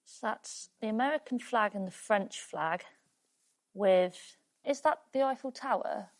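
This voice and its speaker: A woman playing on a quiz show, eagerly working through her answers out loud. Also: medium pitch, measured pace. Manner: eager, thinking aloud. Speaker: quiz contestant. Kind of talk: game show banter.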